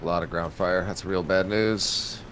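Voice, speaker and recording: A man's voice: sits low, fairly even intonation, normal speed, background noise. A man on voice chat in a game, giving short callouts and dry remarks to his teammate.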